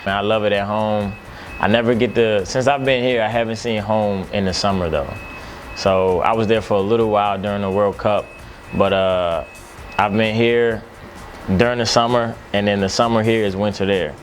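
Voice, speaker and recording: A young man from Maryland speaks steadily and earnestly, and he often repeats himself. His voice is low. Faint music plays underneath. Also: fairly even intonation, normal speed. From Maryland, USA. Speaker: quarterback. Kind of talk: casual interview talk.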